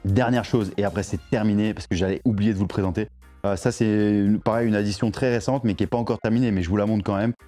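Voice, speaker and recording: A man's voice: fairly low pitch, fairly even intonation, quick pace, dark tone, faint music behind. A young man, chatting casually through a tour of his home garage gym, full of fillers and restarts. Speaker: CrossFit athlete showing his home gym.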